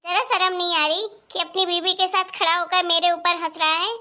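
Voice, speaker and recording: A woman's voice: very high-pitched, steady tone, fairly quick, sharp tone. A woman voicing a short-tempered mother-in-law in a cartoon story, scolding and threatening.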